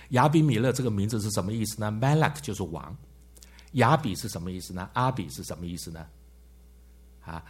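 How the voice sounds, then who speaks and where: Brief: male Bible teacher, somewhat low and husky, lecturing a class with many questions. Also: darkish tone. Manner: frequent "ha" tag words and questions to the class.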